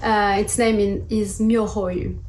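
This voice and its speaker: This guest speaker, a woman in her thirties from the south of France with a French accent, presents prepared material over a video call from home, taking it slowly. Her mid-range voice is darkish in tone with little pitch movement, and the room sounds echoey through the video call microphone.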